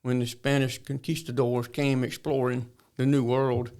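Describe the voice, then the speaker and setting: Older man with a creaky rural Florida drawl. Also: medium pitch, level tone, moderate pace, darkish tone. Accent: rural Southern US, Florida drawl. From north Florida. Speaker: interview guest, cattleman. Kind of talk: storytelling interview talk.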